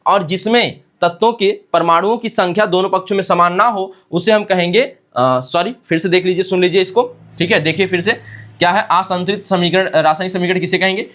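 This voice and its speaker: High-voiced man teaching, slow dictation. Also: a bit bright. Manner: asks questions and answers them himself, repeats definitions slowly for dictation. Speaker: science teacher. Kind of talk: classroom lecture.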